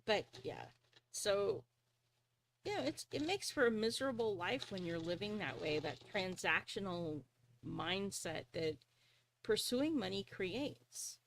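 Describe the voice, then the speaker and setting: A woman's voice: mid-range voice, lively intonation, slow pace, a little hiss or hum. A woman hosting a live stream, earnestly telling a personal story, often chuckling and restarting her sentences.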